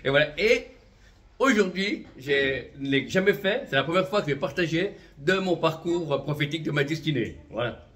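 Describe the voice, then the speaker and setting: An itinerant prophetic minister in his fifties, originally from Vietnam, delivers a fervent religious testimony. His voice is on the high side, animated and a bit bright, at a moderate pace, and he often says "amen" and "voilà" between light chuckles.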